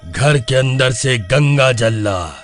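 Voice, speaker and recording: A man voicing a gruff old village grandfather in a cartoon story. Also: medium pitch, animated, slow pace, faint music behind.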